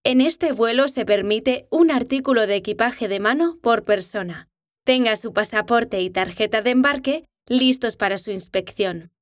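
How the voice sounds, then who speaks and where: A woman reading scripted airport boarding announcements in a formal, measured public-announcement manner. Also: a little high, no echo, studio quality.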